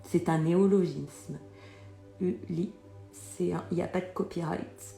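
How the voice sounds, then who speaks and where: Woman, middle-aged, chatty, slow-talking, addresses viewers often, soft music underneath. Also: on the low side, fairly even intonation, creaky. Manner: chatty, keeps addressing viewers, many fillers. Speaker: oracle card reader. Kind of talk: casual video chat about oracle cards.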